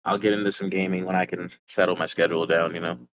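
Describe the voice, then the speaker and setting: A man's voice: low-pitched, little pitch movement, quick pace, background noise. Tired man with a robotic, metallic voice. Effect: robotic, buzzy metallic voice from a glitchy call connection. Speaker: podcast guest. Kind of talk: casual chat. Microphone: online voice call.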